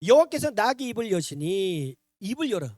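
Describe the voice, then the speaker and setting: A man preaching a sermon with a pitch that swings widely up and down. He keeps asking his listeners questions and slips into other voices for quoted lines. The sound is dry and close, with no room echo. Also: brisk. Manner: animated preaching with rhetorical questions to the congregation; acts out quoted speech in shifted voices. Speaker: pastor.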